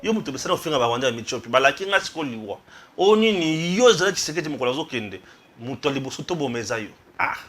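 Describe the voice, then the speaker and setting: A man's voice: a little high, lively intonation, quick pace, a bit bright. A man hosting a political talk show, speaking casually and mixing Lingala with French. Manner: conversational, brief interjections, mixes Lingala and French.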